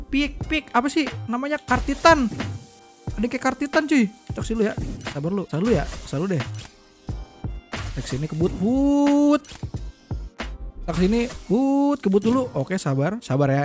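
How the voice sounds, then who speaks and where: Excitable young man with slang. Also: very high voice, moderate pace, long pauses, over music. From Indonesia. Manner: excitable, slangy, bursts into loud yelps during play. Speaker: gaming YouTuber. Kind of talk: casual gameplay commentary.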